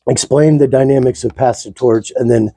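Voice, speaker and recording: A male interviewer with a very dark, mellow voice asks questions in a casual, slightly halting way. The recording is close and dry. His delivery sounds friendly and unscripted. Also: medium pitch, steady tone, breathy edge, dry recording, poor audio. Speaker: interviewer, host. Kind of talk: interview conversation.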